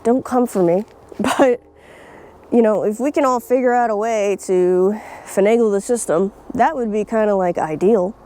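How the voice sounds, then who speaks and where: A woman's voice: mid-range voice, normal speed, mellow. A young woman vlogging outdoors, talking bluntly and swearing freely, with frequent laughs. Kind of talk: casual opinion vlog. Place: outdoors in nature.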